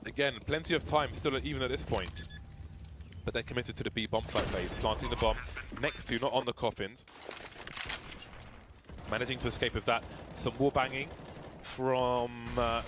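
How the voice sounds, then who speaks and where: Excited esports play-by-play man. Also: medium pitch. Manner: quick, playful, rising to excited calls. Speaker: play-by-play caster. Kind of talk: esports commentary. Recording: noisy broadcast with game sounds behind.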